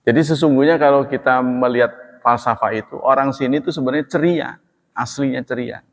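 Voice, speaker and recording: A man teaching religion in a relaxed, chatty way, joking and laughing as he talks. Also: mid-range voice, creaky. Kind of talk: casual religious talk. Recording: long hall reverb.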